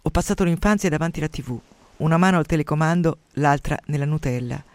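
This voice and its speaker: A man's voice: on the high side, quick pace, no room sound, close to an everyday voice. A man doing a self-pitying young patient. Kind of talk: radio story reading.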